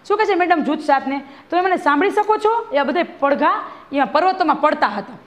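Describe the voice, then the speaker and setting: A woman schoolteacher, reading a textbook lesson aloud to a class and re-explaining each line, often checking that the pupils follow. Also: high voice. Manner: reads a line then re-explains it, often asking "બરાબર છે?".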